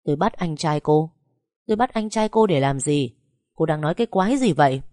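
A woman's voice: low-pitched, animated, a little fast, warm tone, no echo, clean studio sound. A woman voicing a cold, harsh young husband who speaks in curt threats. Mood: indignant.

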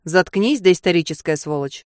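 A woman's voice: on the low side, animated, moderate pace, no room sound, clean studio sound, close to an everyday voice. A woman reading a blunt, scornful male inner voice. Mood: harsh. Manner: blunt, contemptuous. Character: harsh cynical male inner voice.

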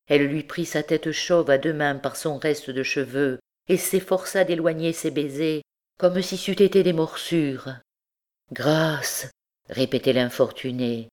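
A woman reading a classic novel aloud as an audiobook narrator, in a measured, unhurried style. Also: low-pitched, darkish tone. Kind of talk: scripted narration.

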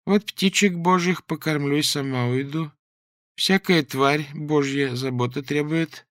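A male audiobook reader voices a sly old woman, calm and unshaken. She speaks slowly and higher, in folksy pious phrases. The sound is bright and dry. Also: no echo. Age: older. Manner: slow, unruffled, folksy pious speech.

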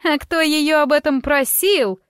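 Woman doing a shrill spiteful scandalmonger. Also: lively intonation, moderate pace, no echo, clean studio sound, lightly acted. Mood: shrieking. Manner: shrieking, scornful and accusing.

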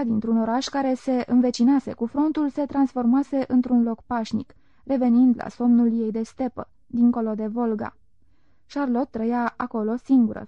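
Woman, audiobook narration, calm, measured, slightly high voice, dry close sound. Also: no room sound. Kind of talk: literary audiobook reading. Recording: dull lo-fi recording.

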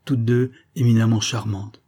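A man reading aloud voices an effusive, flattering middle-aged army major with a theatrical, gushing manner. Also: medium pitch, moderate pace, natural voice. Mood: reproachful.

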